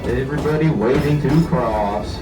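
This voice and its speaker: A man working as a train conductor, giving folksy announcements to passengers over an outdoor loudspeaker. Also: mid-range voice, normal speed. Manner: folksy, upbeat, addressing riders as folks. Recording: echoey loudspeaker heard from far off, music behind.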